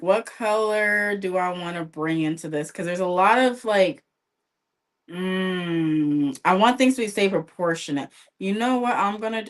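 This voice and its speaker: A woman chatting casually on a livestream while she paints, telling gossip in a lively, animated way. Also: fairly low pitch. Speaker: livestream co-host. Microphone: livestream setup.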